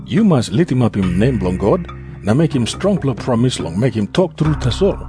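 A man's voice: medium pitch, big pitch swings, normal speed, over music, lightly acted. A man with a Papua New Guinean accent playing a stern, suspicious Pharisee interrogator in a scripture drama. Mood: stern questioning.

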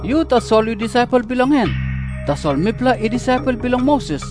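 Casting: scornful Pharisee, high voice, Papua New Guinean accent, scripture drama over prominent music. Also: male voice, lively intonation, fairly quick. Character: scornful, self-righteous male Pharisee berating a commoner.

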